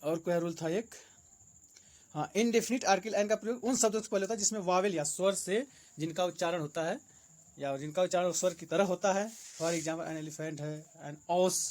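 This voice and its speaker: Grammar teacher, male, high voice, Hindi-accented English, repeats rules patiently. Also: a little mellow. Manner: repeats rules and examples slowly, explaining each. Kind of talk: exam-prep grammar lesson.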